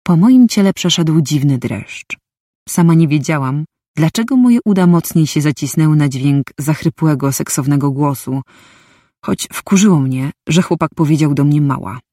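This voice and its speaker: A woman's voice: sits low, lively intonation, moderate pace, dark tone, no echo, studio quality. A woman reading a first-person story aloud, with a wry, inner-monologue manner. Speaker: audiobook narrator.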